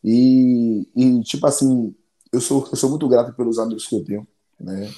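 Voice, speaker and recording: A man's voice: mid-range voice, fairly even intonation, moderate pace, mellow, roomy sound. A man, an MMA fighter telling stories in a casual interview, rambling and repeating phrases.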